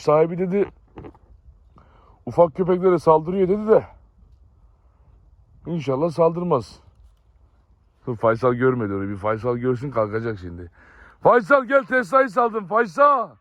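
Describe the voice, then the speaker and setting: A man filming a casual farm vlog, chatting to viewers while calling and calming his dogs outdoors. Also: on the high side, a little hiss or hum.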